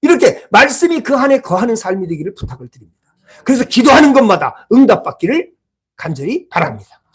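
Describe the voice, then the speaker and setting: A pastor preaching a sermon in a small church, telling a personal story and swinging between loud exclamations and hushed asides. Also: medium pitch, very animated, a little fast, husky.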